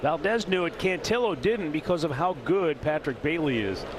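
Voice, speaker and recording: A man's voice: on the high side, animated, normal speed, background noise. An American man working as a baseball announcer, delivering live play-by-play commentary on a broadcast.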